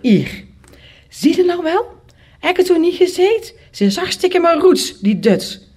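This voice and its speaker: A nosy older neighbor woman, put on by the storyteller, sneers and gossips in a high, shrill, biting voice. She snaps her remarks out sharply and scornfully. It comes across as a character in a spoken story. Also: sing-song, measured pace, darkish tone, exaggerated voice.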